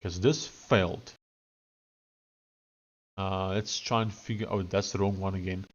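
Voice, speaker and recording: A man's voice: low-pitched, steady tone, measured pace, dull audio. A man with a thick Afrikaans South African accent, chatting casually on a coding live stream and dictating instructions.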